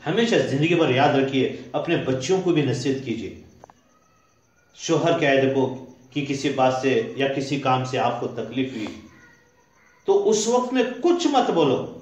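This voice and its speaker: A man preaching a sermon to women, emphatic and urgent, repeating his key points. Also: fairly high pitch. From India. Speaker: Islamic preacher. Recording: heavy echo of a reverberant room.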